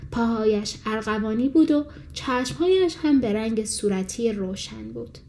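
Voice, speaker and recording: A woman reading a fairy tale as an audiobook narrator, in calm, measured storytelling. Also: fairly high pitch.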